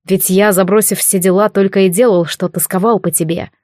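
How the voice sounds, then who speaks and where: A woman's voice: mid-range voice, steady tone, fairly quick, a little mellow, no echo, clean studio sound, lightly acted. A woman reading an audiobook, voicing a proud, resolute young male warrior leader in a firm, declarative way.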